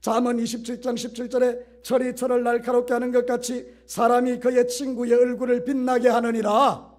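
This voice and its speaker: A middle-aged male pastor preaching a sermon, swinging from loud exhortation to soft asides. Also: extremely high pitch, flat delivery, fairly quick. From Korea.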